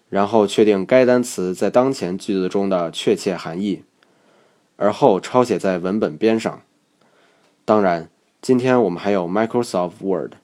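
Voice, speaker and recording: A man giving a calm, methodical scripted lesson, explaining study steps one by one. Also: fairly low pitch. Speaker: English learning instructor.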